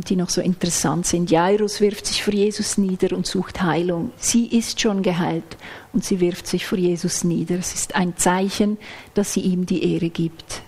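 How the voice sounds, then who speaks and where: This female preacher, whose voice sits in the middle range, works through a scripture passage one phrase at a time in a measured, explanatory sermon. Quoted lines get acted out, and every so often her voice sinks to a near-whisper for an aside.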